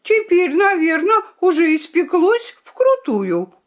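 A bratty little princess with a piercing, very high voice that shrieks and squeals, as a woman reads her. She is haughty and dismissive, words lifting sharply. The storybook delivery is unhurried. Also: big pitch swings, lo-fi sound, heavily acted. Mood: shrill accusing.

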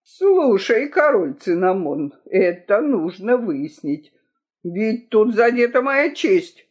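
The storyteller voicing a pompous, quick-tempered fat king in a storybook reading, shouting indignantly, on a dull lo-fi recording. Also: medium pitch, very animated.

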